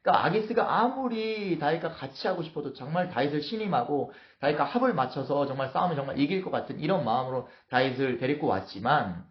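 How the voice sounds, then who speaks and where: A male pastor preaching a morning devotional, telling the story vividly and acting out its scenes. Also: medium pitch. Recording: roomy, dull lo-fi sound.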